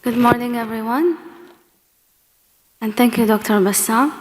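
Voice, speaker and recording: A woman's voice: on the high side, measured pace, background noise. A woman chairing a session, giving formal introductions of speakers, partly read out. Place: large conference hall. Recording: echoey hall with long reverb.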